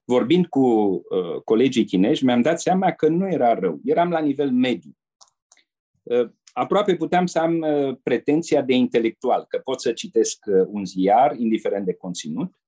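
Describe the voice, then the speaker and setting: An older man from Romania, a former diplomat and interpreter, telling anecdotes in a relaxed way and turning to the listener with asides. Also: medium pitch, husky. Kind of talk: anecdotal storytelling.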